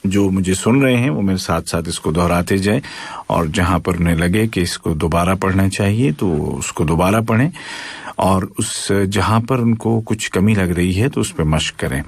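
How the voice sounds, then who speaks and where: A man teaching Quran recitation on a call-in program, reciting slowly and stopping to correct pronunciation. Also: low-pitched, gravelly, slightly rough, no room sound. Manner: slow drawn-out recitation, stops to correct pronunciation. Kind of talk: live broadcast Quran lesson.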